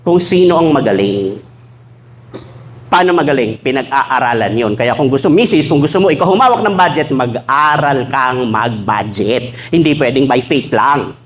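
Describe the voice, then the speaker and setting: A man preaching a sermon to a church congregation, mixing jokes with teaching and acting out little dialogues in shifted voices. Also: mid-range voice. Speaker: pastor. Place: church hall.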